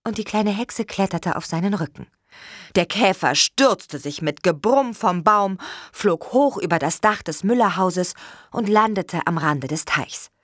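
Ausdrucksvolle Märchen-Vorleserin. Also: female voice, medium pitch, a little slow, no echo, clean studio sound. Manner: gentle, expressive reading. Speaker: narrator. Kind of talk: children's storybook reading.

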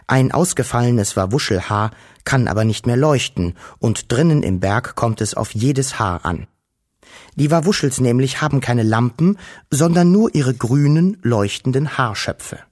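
A man reading a children's storybook aloud, gentle and expressive. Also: mid-range voice, unhurried. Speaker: narrator.

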